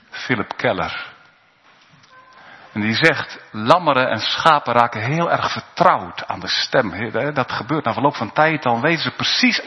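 A man preaching a sermon in a church, slow and emphatic, with pauses and rising calls. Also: medium pitch. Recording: dull recording in a reverberant church.

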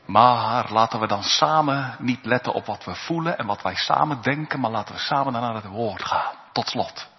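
A pastor preaching a sermon at a thanksgiving service, solemn and emphatic, rising sharply in pitch and volume to stress his points. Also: moderate pace, hardly any pauses, big-room sound, highs cut off. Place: church.

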